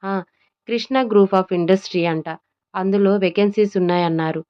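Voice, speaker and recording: ఒక మహిళ ప్రశాంతంగా, ప్రేమగా మాట్లాడే అక్క లాంటి యువతి పాత్రను చేస్తోంది. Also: female voice, mid-range voice, measured pace, clean tone, highs cut off, natural voice. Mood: gentle. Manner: calm, affectionate. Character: calm gentle young woman, kind big sister.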